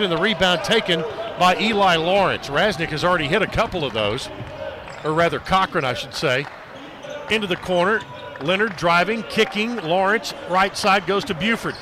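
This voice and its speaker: High-pitched, loud American radio sports announcer man. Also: background noise. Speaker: play-by-play basketball announcer. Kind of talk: live radio sports commentary. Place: indoor basketball arena.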